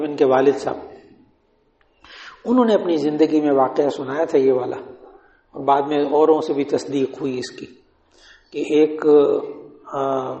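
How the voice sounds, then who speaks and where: A man's voice: medium pitch, darkish tone. An older man, an Islamic scholar, giving a religious Q&A lecture and explaining points while quizzing his listeners. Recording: echoey hall, dull lo-fi sound.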